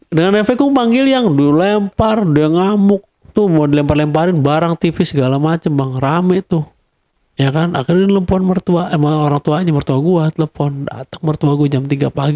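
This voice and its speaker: A young man with a Jakarta accent telling a personal story in a casual, animated way. He acts out quarrels in a raised voice. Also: fairly high pitch, normal speed, no room sound.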